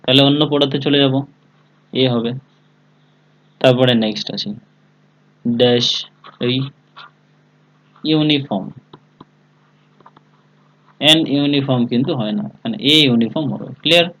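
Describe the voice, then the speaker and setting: A man's voice: medium pitch, normal speed, long pauses, a bit bright, poor audio. A man teaching an online English class, spelling words letter by letter and often asking his students whether they follow. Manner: calls on students by name. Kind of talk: live online class lesson.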